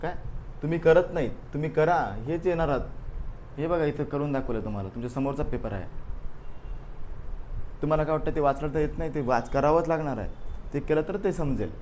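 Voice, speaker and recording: A man leads a live exam-coaching class, working through a past paper and prodding students directly, filling his talk with "बरोबर आहे" and "okay," meaning "right" and "okay." His voice is fairly high and darkish in tone, his pace brisk with frequent pauses, and there's a little hiss or hum.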